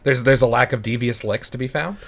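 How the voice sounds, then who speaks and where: A man in casual podcast banter with a mid-pitched voice. He trades wry, crude jokes. His delivery stays dry and teasing. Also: brisk, creaky, a bit bright, husky. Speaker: podcast co-host. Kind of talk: casual chat.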